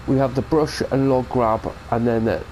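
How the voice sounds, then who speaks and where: With a cold, a British man who hosts a gaming channel gives a chatty, meandering review of a farming game mod, correcting himself here and there. His mid-range voice is slightly mellow, fairly even in intonation, at normal speed. The recording is low quality with slight background noise.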